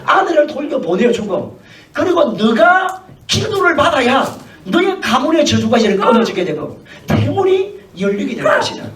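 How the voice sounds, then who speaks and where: God warning a king in a dream, a preacher putting it on, slow and solemn, voice leaps around, roomy hall. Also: very high voice, big pitch swings, fairly bright tone, far from the mic, pitched above the performer's own voice, heavily acted. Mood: commanding. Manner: slow, drawn-out, solemn commanding. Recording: echoey church hall, mic from afar.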